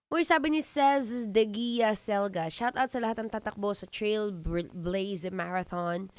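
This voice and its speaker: A young woman with a Filipino accent hosts a live radio show in a deep, low-set voice. She banters playfully with her listeners. The studio sound is close and dry. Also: measured pace, no echo. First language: Tagalog. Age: 20s. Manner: playful, teasing, laughs often. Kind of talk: live radio chat reading comments.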